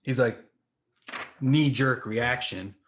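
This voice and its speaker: A man's voice: mid-range voice, slow pace, slight background noise. A man co-hosting a comic book podcast, talking casually and acting out the panels with sound effects. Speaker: podcast co-host.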